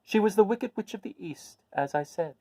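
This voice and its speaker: A man voicing a kindly little old woman, a good witch from a storybook, speaking in an emphatic, deliberate way. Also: high voice, lively intonation, mellow, no room sound, pitched above the performer's own voice. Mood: calm, proud. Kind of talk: storybook character voice.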